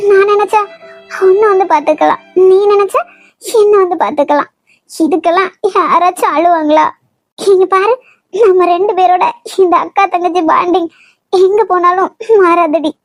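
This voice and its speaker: A woman's voice: extremely high pitch, no echo. A woman voicing a bossy but loving older sister in a cartoon, scolding and teasing.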